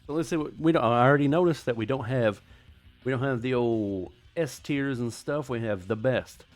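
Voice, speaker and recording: A man's voice: mid-range voice, moderate pace, soft background music. An American man hosting his own channel, giving rambling, sarcastic casual commentary. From United States. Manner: rambling, sarcastic, self-deprecating. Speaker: YouTube host.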